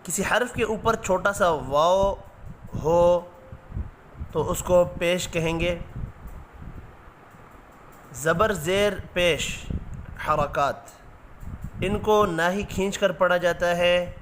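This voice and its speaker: A man with a Pakistani Urdu accent teaching a Quran reading lesson, drilling letter sounds slowly and patiently, one syllable at a time. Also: high-pitched, a bit bright, slight background noise. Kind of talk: slow syllable-by-syllable recitation lesson.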